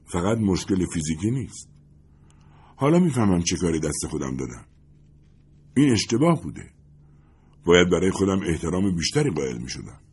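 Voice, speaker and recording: Man reading a glum, fed-up guy, husky and low, audiobook. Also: sing-song, long pauses, a little mellow, exaggerated voice. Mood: impatient. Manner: weary, impatient replies. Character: gloomy, irritable man regretting his choices.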